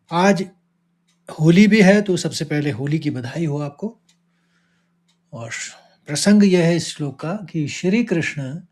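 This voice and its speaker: Man from India, devotional verse lesson, unhurried steady delivery, stretches out chanted syllables. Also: fairly high pitch. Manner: slow, deliberate, chants verse lines drawn out. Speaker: Gita recitation teacher.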